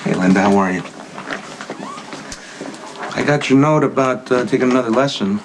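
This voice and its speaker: A man playing an excitable guardian who drops Spanish words. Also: mid-range voice, moderate pace, noisy background, close to an everyday voice. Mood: apologetic. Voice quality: mixes Spanish words into his English. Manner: loud and exasperated. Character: excitable middle-aged man, protective and easily startled. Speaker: Lourdes's guardian who pays for her lessons. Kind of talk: daytime soap opera acting. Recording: soap scene with music bed.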